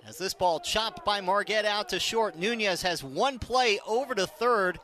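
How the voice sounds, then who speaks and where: Calling a baseball game live on radio, the play-by-play man speaks in clipped, descriptive lines at a measured pace. His high voice comes across as pushed and bright.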